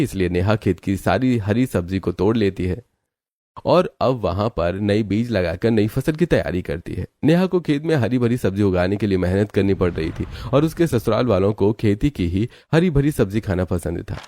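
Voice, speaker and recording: Low mellow male story narrator. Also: no room sound, studio quality.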